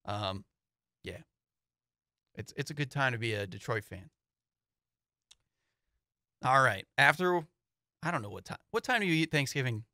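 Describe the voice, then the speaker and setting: A man's voice: mid-range voice, fairly bright tone, no echo. A young man co-hosting a casual sports talk show, easygoing and rambling with fillers, speaking into a studio mic in a small studio. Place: small studio with foam panels. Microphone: studio mic on boom, headphones.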